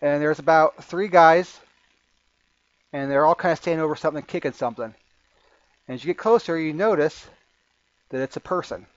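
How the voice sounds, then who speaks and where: Halting game master, muffled recording. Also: male voice, on the high side, no echo. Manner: halting, repeats words while thinking. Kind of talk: narrating a tabletop game.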